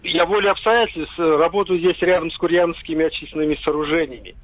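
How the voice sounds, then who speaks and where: A man calls in to a radio show, his voice coming through a dull, muffled phone line. He speaks a little high for a man and keeps tripping over his words and restarting. He sounds worried. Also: quick pace, no echo. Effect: caller heard over a phone line into the studio. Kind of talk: phoning in a complaint on air.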